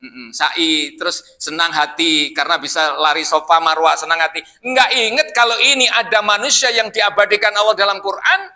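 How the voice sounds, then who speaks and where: A man's voice: a little high, moderate pace, sharp tone. A man leading a casual Quran study in a mosque, chatty, often quizzing his listeners directly.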